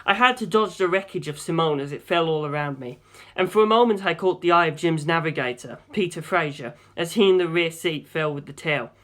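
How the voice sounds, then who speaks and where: This male audiobook narrator has a fairly high voice for a man and reads scripted first-person adventure prose as a storyteller. His pace is a little fast and his tone a bit bright.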